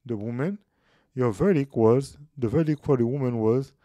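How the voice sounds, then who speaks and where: In a casual Bible study video shot in a small room indoors, a man explains scripture with lively hand gestures, speaking in a mid-range voice at normal speed. A boom-mounted studio mic and headphones give a dry, close-miked recording.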